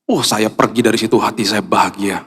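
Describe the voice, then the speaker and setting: A male pastor giving a lively, storytelling sermon in a casual, conversational way, acting out the dialogue. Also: on the low side, a little fast, slightly rough. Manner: lively, acts out dialogue, colloquial. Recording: long hall reverb.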